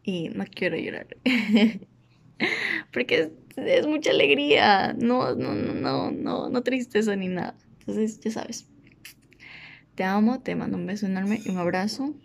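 A woman, tearful and choked up, giving a halting, emotional birthday message to her brother. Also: mid-range voice, lively intonation, creaky, a little mellow. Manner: emotional, halting with many fillers. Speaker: sibling sending birthday wishes. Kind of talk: heartfelt recorded message.

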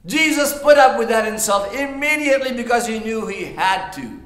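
A male pastor with a very high, bright voice delivers a sermon, dropping to near-whispers and then rising to loud emphasis. He speaks conversationally, asking the congregation questions. The sound carries an echo from the church room around him. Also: expressive, normal speed. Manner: dramatic swings from hushed to loud preaching; conversational, asks the audience directly.

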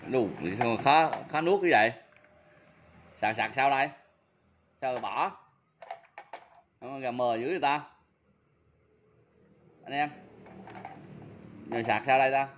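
A chatty man with a southern Vietnamese accent shows off used power tools and laughs at his own slip-ups. His voice sits at an ordinary middle pitch. The audio is a little muffled, with faint ambience behind him. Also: a little slow, long pauses, slight background noise. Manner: chatty, self-mocking, talks straight to viewers. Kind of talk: casual product demo.

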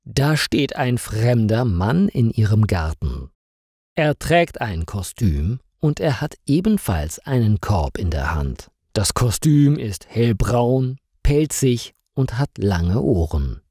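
A man reading a story aloud slowly and clearly for language learners, in a scripted narration style. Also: medium pitch, big pitch swings, dark tone, no room sound, clean studio sound. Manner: slow, clearly articulated reading.

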